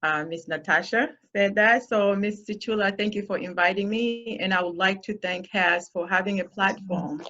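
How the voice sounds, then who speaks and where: A woman's voice: medium pitch, moderate pace, few pauses, pushed and bright, muffled recording. A woman guest speaker from Zambia giving an earnest, encouraging talk to a youth group. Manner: earnest, encouraging, with frequent restarts.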